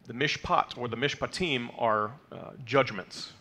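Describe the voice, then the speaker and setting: A man in his thirties, whose first language isn't Hebrew, teaches the weekly Torah portion from a lectern in a mid-size sanctuary hall. His mid-range voice is bright and forceful, moving at a measured pace as he patiently explains terms, leaning on frequent fillers and "okay?" check-ins.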